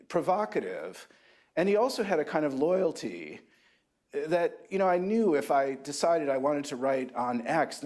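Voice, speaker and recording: A man in his sixties, an author at a university book talk, reminiscing thoughtfully with halting restarts. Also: a little high, a little mellow. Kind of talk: reflective anecdotal talk.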